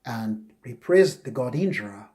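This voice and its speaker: A man giving a spoken commentary lecture on scripture, emphatic and repetitive, often jumping up high to act out mock questions. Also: animated, unhurried, darkish tone. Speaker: religious commentator.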